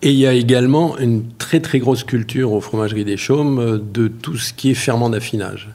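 A man being interviewed about his work as a cheesemaker, explaining slowly and carefully with many hesitations. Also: mid-range voice, dark tone. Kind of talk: casual spoken interview.

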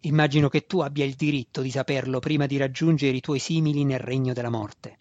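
A man's voice: mid-range voice, steady tone, a little mellow, no echo, close to an everyday voice. A man growling as a cruel faceless drow wizard. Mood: gloating. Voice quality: gravelly growl. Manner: snarling, mocking, slow menace. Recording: dull dry lo-fi recording.

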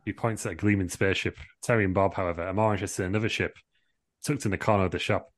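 A man's voice: sits low, steady tone, rapid-fire. A man narrating a comic amateur play from a script, reading out stage directions as co-host.

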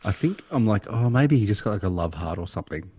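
A very deep, husky Australian man makes laid-back, dry remarks about a dating show. His tone is dark and mellow, recorded close and dry. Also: lively intonation, fast, no room sound. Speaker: podcast co-host. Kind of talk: casual chat recapping a reality show.

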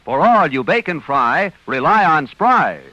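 A man reading a radio commercial as a bright, punchy sales pitch, heard as an old radio broadcast. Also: sing-song, measured pace, muffled recording, faint music behind. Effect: old radio broadcast sound. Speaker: commercial announcer.

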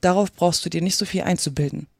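A reader voicing a bossy, impatient griffin who talks loudly and bluntly in a storybook reading. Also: mid-range voice, steady tone, fast talker, vocal fry, dry recording. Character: gruff bossy griffin from a fairy tale. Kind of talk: reading a children's classic aloud.

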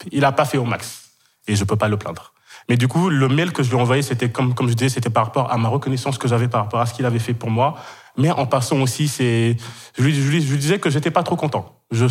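With a medium-pitched voice, a Senegalese man in his twenties who was raised in Kenya shares a personal tale as a podcast guest. He hesitates constantly, repeats himself, uses lots of fillers and laughs often.

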